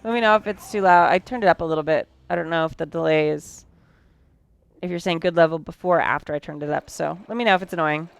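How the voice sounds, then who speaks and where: A woman's voice: low-pitched, quick pace, creaky, smooth. A woman streaming live from her sewing room late at night, tired, chatting casually with her viewers as she sews. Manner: chatty, talks to chat while working.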